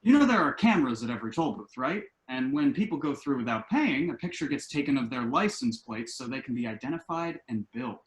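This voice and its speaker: Smug and persuasive, a man plays the enterprising, glib son pitching questionable business ventures in a table-read play. His medium-pitched voice has lively intonation, close to his everyday voice, and he talks briskly with few pauses in an echoing home recording.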